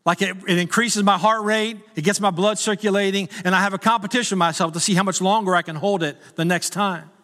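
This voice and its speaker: Male pastor, sermon, high voice, joking and conversational, long church reverb. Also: fairly even intonation, quick pace, few pauses, sharp tone. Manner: conversational, self-deprecating humor, rising to urgent appeals. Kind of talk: sermon with humorous stories.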